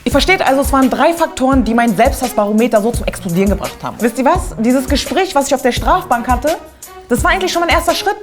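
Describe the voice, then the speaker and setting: A woman host riffs through a comedic monologue with a fairly high voice. She is animated and slangy, and her talk is full of asides. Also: quick pace, faint music behind. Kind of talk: comedic straight-to-camera monologue.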